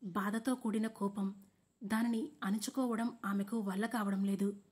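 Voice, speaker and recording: Husky woman narrating a story. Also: mid-range voice, steady tone, unhurried, darkish tone.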